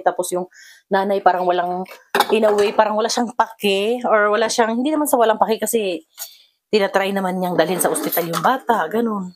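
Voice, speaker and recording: Chatty Filipino woman retelling a dream. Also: background noise. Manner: animated retelling, acts out her own quoted lines in a higher voice; many fillers and code-switching into English phrases. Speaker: vlogger. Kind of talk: casual storytelling vlog.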